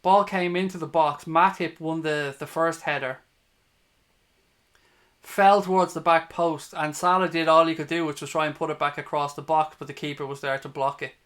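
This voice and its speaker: A man with a slightly high, somewhat bright voice and a Dublin Irish accent commentates on a football match live for fans watching along. He chats with viewers and doesn't hold back, being blunt, opinionated and sweary.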